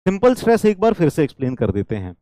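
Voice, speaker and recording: A man's voice: fairly high pitch, wildly swooping pitch, quick pace, mellow, no echo. A man teaching an engineering class, who keeps checking in with the students and repeats key points, now and then saying a line in English. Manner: switches into English lines. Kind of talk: engineering lecture.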